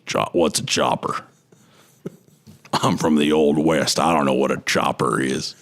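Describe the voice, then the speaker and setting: A gruff Old West outlaw drawls slowly and folksily, put on by a man. The voice sits far down, deep and rumbling. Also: heavily acted.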